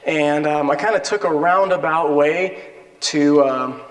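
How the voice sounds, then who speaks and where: Born in Peru and raised in the United States, a dental implant surgeon with an American accent lectures informally in an indoor hall with an audience, mixing self-deprecating humor and personal anecdotes. His voice sits on the high side at a measured pace. The hall is echoey with long reverb.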